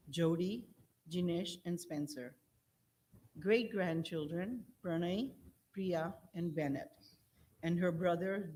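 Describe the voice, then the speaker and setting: An older woman reading a formal funeral eulogy in a measured way, setting out names and dates. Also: on the low side, a little mellow, slight background noise, low-quality recording. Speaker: family member giving a eulogy.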